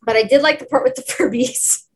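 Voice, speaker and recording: A young adult woman co-hosting a podcast, chatting casually about films, animated and quick to laugh. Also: high voice, slight background noise. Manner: animated, laughs often, self-described film nerd. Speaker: podcast co-host. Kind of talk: casual film discussion.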